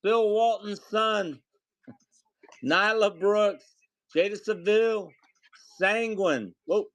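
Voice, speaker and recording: High-voiced man calling a card break. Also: a bit bright, dry recording. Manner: rattles off names, calls out hits to viewers. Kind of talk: live card break play-by-play.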